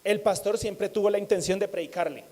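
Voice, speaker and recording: A man preaching to a congregation, his voice pitched high yet mellow and soft-edged. He talks like a conversation, repeating key phrases and tossing in light jokes. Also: fairly quick. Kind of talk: sermon.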